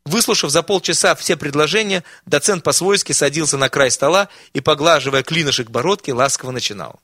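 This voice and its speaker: A man's voice: a little high, a little fast, bright, forceful tone, no room sound, studio quality. A man reading a wry audiobook story aloud as narrator. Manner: wry storytelling, voicing characters. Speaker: audiobook reader. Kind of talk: scripted narration.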